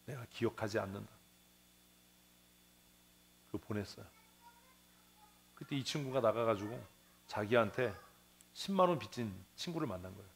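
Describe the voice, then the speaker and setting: A man's voice: fairly low pitch, animated, brisk, long pauses, a little hiss or hum. A man pastor giving a sermon in church, telling a parable in a conversational way, acting out its characters and asking the congregation questions. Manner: conversational preaching, acts out the parable's voices, asks the congregation questions. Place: church sanctuary.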